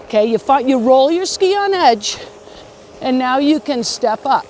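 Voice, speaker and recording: In this outdoor clip with faint background noise, a woman gives beginners a step-by-step ski lesson, encouraging them and frequently checking in with "okay" and "right." Her high-pitched voice is expressive with a darkish tone, and she speaks a little slowly.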